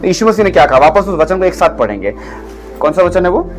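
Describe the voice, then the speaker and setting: A man preaches with a lively, swinging pitch, pausing to fire questions at the congregation. His sermon leans on call-and-response. Faint music sits under his voice. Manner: animated, repeats questions for the congregation to answer.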